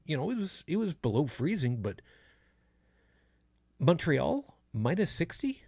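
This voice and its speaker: In a casual chat, a fifty-something man hosting a podcast wanders from point to point, often restarting and using fillers. His voice is a little high and sing-song yet dark-toned, at a measured pace, recorded dry at studio quality.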